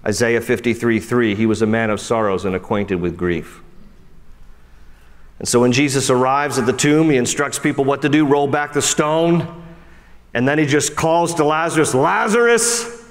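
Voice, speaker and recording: A man preaching a sermon, animated, often dropping low and soft for emphasis and speaking straight to his listeners. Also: moderate pace, in a large hall. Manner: acts out quoted voices and speaks straight to listeners. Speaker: pastor.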